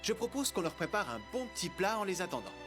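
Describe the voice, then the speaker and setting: Easygoing, high-voiced young man. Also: sing-song, fast, over music. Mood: thoughtful. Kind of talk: anime dub acting.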